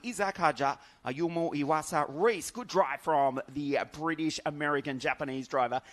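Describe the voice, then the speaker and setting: A man's voice: on the high side, fairly bright tone. A man doing live motorsport commentary as lead commentator, enthusiastic and chatty, laughing easily.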